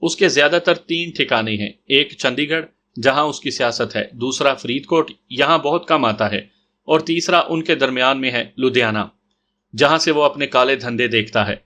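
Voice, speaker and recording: A man's voice: mid-range voice, pushed and bright, natural voice. A man reading the lines of a brash young woman investigator in an audio story, in a blunt, direct way. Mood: matter-of-fact.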